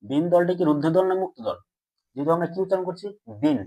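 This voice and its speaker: A man teaching a grammar lesson to students. He asks them questions and answers them himself, and he stretches out words slowly syllable by syllable. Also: sits high, dark tone, breathy edge. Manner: drawn-out slow syllable-by-syllable pronunciation.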